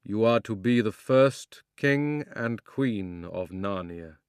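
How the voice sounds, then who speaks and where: A man's voice: lowish voice, animated, clear, resonant tone, no room sound, studio quality. A man voicing Aslan, a solemn lion king. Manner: grave, measured and commanding. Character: majestic, solemn male talking lion king. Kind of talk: storybook reading.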